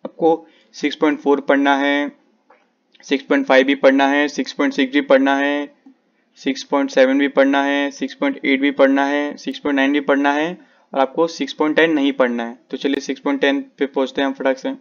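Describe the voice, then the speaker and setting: A man teaches physics, going through the syllabus with his students page by page. His voice stays flat and steady, and he repeats his instructions many times. The recording sounds slightly dull and lo-fi. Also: medium pitch, a little fast, clear, resonant tone. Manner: repetitive, instructive, page-by-page directions. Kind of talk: syllabus walkthrough lesson.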